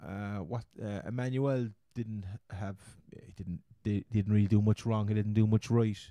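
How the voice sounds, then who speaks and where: A man's voice: on the low side, fairly even intonation, normal speed, no room sound, muffled recording. An Irish man with a Cork accent hosting a casual sports chat, rambling and often repeating his words. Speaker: podcast host. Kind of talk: casual chat, fantasy football commentary.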